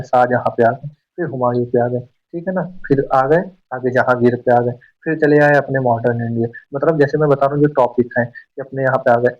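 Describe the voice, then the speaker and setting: A man teaching an exam-prep lesson in a fast, chatty way, often asking and answering his own questions. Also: medium pitch. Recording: dull, slightly distant mic.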